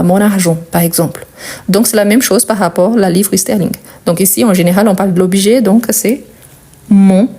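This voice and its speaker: A young woman whose first language is Portuguese gives a French grammar lesson in a warm, mid-range voice. She is patient, working through it step by step with pauses and repeating key words.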